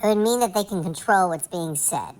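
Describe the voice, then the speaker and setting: A woman's voice: lowish voice, a little fast, darkish tone, close to an everyday voice. A woman voicing a defensive male colonial-era politician who gets indignant when questioned. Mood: irritated.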